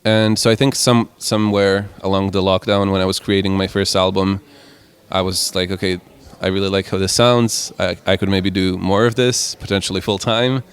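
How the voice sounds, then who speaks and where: Low, smooth-voiced young man. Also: normal speed. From Croatia. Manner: relaxed, rambling with many "like" and "kind of" fillers. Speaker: musician guest. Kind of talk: casual interview answers.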